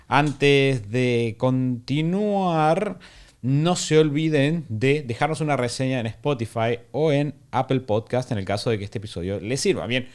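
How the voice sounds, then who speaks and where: A man with an Argentine accent hosting a podcast in a conversational way, with a hoarse, smoker-like rasp from being sick. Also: medium pitch, measured pace. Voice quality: raspy, smoker-like voice from being ill. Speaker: podcast host.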